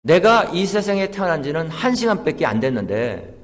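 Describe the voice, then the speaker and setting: A man putting on a tiny baby viper, its voice pushed up high and loud, plaintive and confused. It asks its earnest questions with a long church-hall reverb trailing behind. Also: very animated, moderate pace. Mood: puzzled pleading. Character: newborn baby viper, small, puzzled and pleading.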